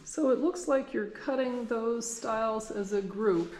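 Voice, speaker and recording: A woman's voice: a little high, unhurried, a little mellow. Woman interviewing in an echoey workshop. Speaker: interviewer of the woodworker. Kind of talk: conversational interview in a how-to video. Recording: echoey workshop, background noise.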